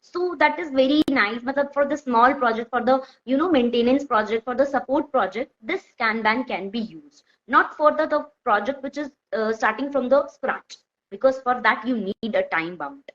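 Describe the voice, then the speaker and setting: A woman with a North Indian accent explaining informally with examples, in halting, repetitive phrases that she often corrects as she goes. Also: fairly high pitch, a bit bright. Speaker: software testing expert, guest speaker. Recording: dull, lo-fi audio.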